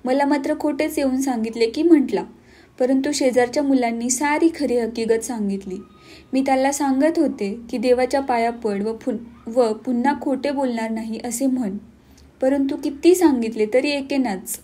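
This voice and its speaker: A woman's voice: high-pitched, moderate pace, warm tone. A woman voicing a loving but stern village mother, speaking firmly and reproachfully. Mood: stern reproach. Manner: firm, reproachful.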